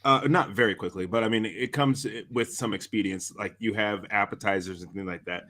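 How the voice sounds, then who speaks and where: A man's voice: lowish voice, fairly even intonation, fairly quick, fairly bright tone. A man co-hosting a casual chat, telling stories and laughing often as he talks. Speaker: co-host.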